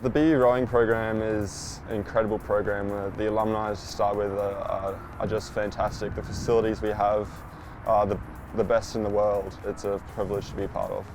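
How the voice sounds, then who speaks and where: A young Australian man speaks in a low, rather flat voice, giving relaxed answers about his rowing team. Music plays clearly underneath him. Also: a little fast. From Brisbane, Australia. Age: young adult. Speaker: college rower. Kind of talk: interview sound bite.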